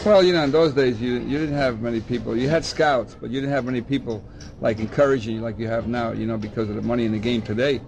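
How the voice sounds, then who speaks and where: Older man with a gravelly voice. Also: mid-range voice, steady tone, quick pace, darkish tone, a little hiss or hum. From Dominican Republic. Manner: rambling, repeats words and restarts often. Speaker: baseball scout. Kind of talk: oral history interview.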